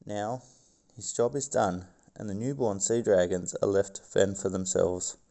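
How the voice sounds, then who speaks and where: Male narrator, nature documentary read, very low and mellow, with a creaky, gravelly edge. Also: measured pace. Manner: stumbles over words and scientific names. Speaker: video host.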